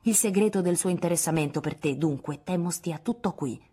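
A woman's voice: fairly low pitch, a little fast, warm tone, husky. Woman reading a scornful, domineering old aunt. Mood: lecturing. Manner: imperious, scolding, sarcastic. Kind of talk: audiobook dialogue reading.

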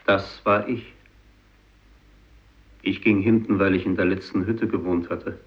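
In a 1950s German radio drama monologue, an actor with a low, steady voice plays the narrator and main character: a doomed, guilt-ridden Japanese fisherman who is the sole survivor of his village. Bitter and haunted, he narrates solemnly and deliberately, halting with heavy pauses. The vintage radio recording sounds dull.

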